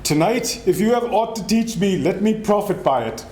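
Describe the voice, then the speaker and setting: A man playing a shaken, humbled elderly miser in a dramatic stage reading, with a halting, earnest, theatrical delivery. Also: high voice, lively intonation, darkish tone. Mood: humbled, hesitant. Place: indoor live reading event. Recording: echoey room, noisy live recording.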